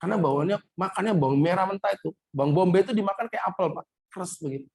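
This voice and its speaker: A man's voice: high voice, rapid-fire, vocal fry, darkish tone. A middle-aged man delivering a humorous Ramadan sermon in a mosque, addressing listeners directly and quoting Arabic scripture. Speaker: preacher.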